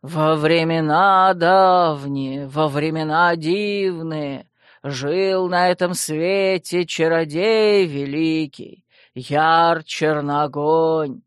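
A woman voicing a fawning, solemn male skeleton servant, in a lowered, slow voice for an audiobook. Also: steady tone, dry recording, clean studio sound. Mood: chanting.

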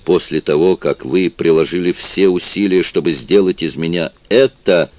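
A man reading a cold, sarcastic doctor who speaks with smooth, worldly politeness. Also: deep voice, moderate pace, darkish tone, no echo, close to an everyday voice. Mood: coolly polite.

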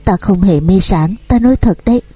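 A woman's voice: mid-range voice, brisk, mellow, slightly rough, no room sound, soft background music, lightly acted. A woman reading the part of a stern, grieving older mother who scolds and pleads insistently. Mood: pleading.

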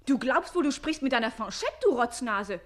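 A quick-witted young chambermaid, played by a woman in a classic radio play. She is pert and teasing, and quick to scold. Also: medium pitch, lively intonation, lightly acted.

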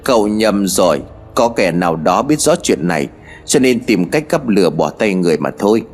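In a spoken horror story, a man voices a stern village sorcerer who talks slowly, gravely and knowingly. His voice is lowish with big pitch swings, over soft background music.

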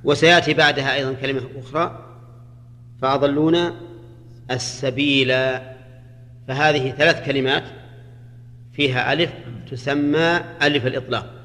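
A man from Arabia, a religious scholar teaching a class on Quranic grammar in measured explanations, often checking his listeners with a quick question. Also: medium pitch, fairly even intonation, pushed and bright. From Saudi Arabia. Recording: reverberant hall recording.

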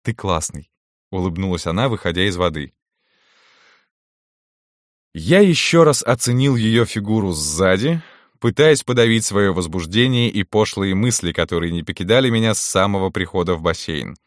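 A man reading a first-person romance story aloud in a calm, intimate storytelling manner. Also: deep voice, moderate pace, dry recording, clean studio sound. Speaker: audiobook narrator.

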